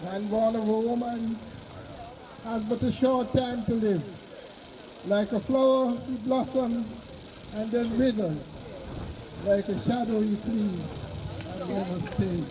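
A male clergyman reads graveside prayers in short, solemn phrases. His voice is strikingly high and mellow, and he is recorded outdoors from a distance. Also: steady tone. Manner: measured, formal recitation in short phrases. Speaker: clergyman officiating at a burial. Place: outdoor cemetery on open grassy ground. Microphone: far camera behind the speaker. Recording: distant mic outdoors, faint noise.

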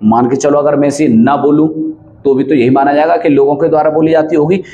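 A man's voice: a little high, fairly even intonation, brisk, mellow, highs cut off. A man teaching an English grammar lesson, explaining step by step and often asking checking questions.

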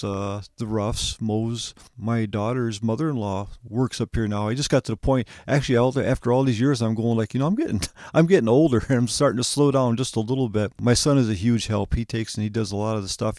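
A man's voice: mid-range voice, darkish tone, dry recording, clean studio sound. A middle-aged man, a golf course owner, talking in a rambling, folksy way with lots of restarts in a casual interview.

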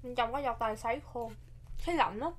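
Young woman, higher voice, Southern Vietnamese accent. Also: quick pace. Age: young adult. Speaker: snack tasting show co-host. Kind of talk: casual mukbang chat. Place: small indoor set with curtained backdrop. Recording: background noise with clicks.

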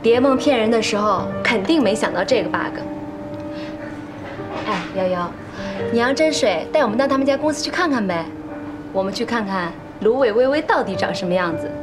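A woman's voice: a little high, expressive, brisk, lightly acted. An actress in her twenties playing a pushy, gossipy young woman in a TV drama, brash and nosy. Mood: scheming. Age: 20s. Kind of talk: TV drama acting. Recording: background music.

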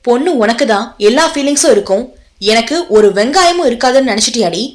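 A woman's voice: a little high, animated, normal speed, a bit bright. A woman voicing a bitter, betrayed young husband who scolds harshly in an audio novel.

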